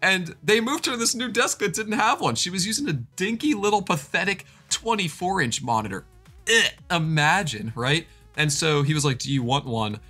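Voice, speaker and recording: A man's voice: high-pitched, lively intonation, normal speed, sharp tone, husky, soft background music. A young man in his twenties streaming live, chatting casually and rambling, with a stuffy nose from allergies. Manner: rambling, chatty, thanks chat by name.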